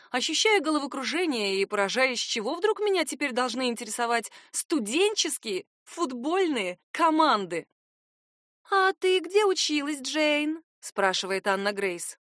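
A woman giving first-person novel narration for an audiobook, in an even, wry storytelling manner. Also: a little high, dry recording, clean studio sound.

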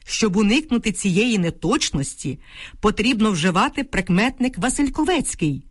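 A woman's voice: mid-range voice, animated, normal speed, husky, no room sound, studio quality. A middle-aged woman, a linguist, carefully reading out answers to listener letters in a precise, teacherly manner. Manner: precise, didactic, reads carefully. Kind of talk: scripted radio explanation.

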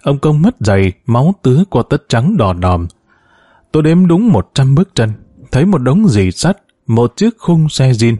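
A man narrating a story in a measured, expressive way. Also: medium pitch, no echo, studio quality.

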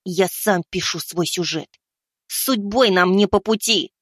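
A man voicing a panicked young man who yells threats in a shrill, frantic voice. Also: measured pace, no echo, studio quality. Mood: defiant. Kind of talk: audiobook story narration.

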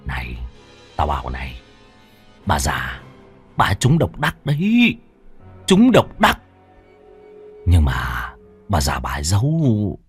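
A man voicing a brutal, greedy grown son in a ghost story, with a gruff, menacing delivery. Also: sits low, big pitch swings, normal speed, faint music behind, exaggerated voice. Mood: hushed greed.

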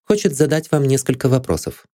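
A woman's voice: very deep voice, fairly quick, warm tone, voice pushed up. A man voicing a loyal, passionate young maid who defends her dead mistress, in an audiobook reading. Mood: earnest. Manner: earnest and pleading.

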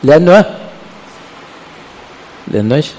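A man's voice: fairly high pitch, animated, normal speed, mellow. Man teaching a class in a reverberant hall. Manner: quizzes students, asks and answers his own questions. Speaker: teacher of hadith and grammar. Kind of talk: classroom lesson with questions to students. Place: lecture hall of an Islamic study center. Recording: long hall reverb, faint room ambience.

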